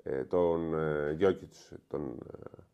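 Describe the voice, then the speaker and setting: A man co-hosting a basketball talk show, explaining the game in a calm, measured way. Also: very deep voice, smooth, phone-quality sound. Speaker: co-host, basketball analyst. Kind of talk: casual basketball chat.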